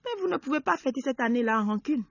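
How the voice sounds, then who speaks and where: A woman preaches a fervent sermon in a fairly high voice. She rises to loud, emphatic peaks, then drops to low, quiet asides. The recording is dull and lo-fi, with a dry, close sound. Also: lively intonation, rapid-fire, vocal fry, dry recording.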